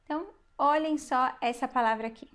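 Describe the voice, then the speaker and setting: A woman with a high voice leads a recorded online language lesson. She explains patiently and step by step, stopping to ask the learner questions. She sounds out each new word slowly and carefully. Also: a bit bright. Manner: sounds out Hebrew words slowly. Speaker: Hebrew teacher.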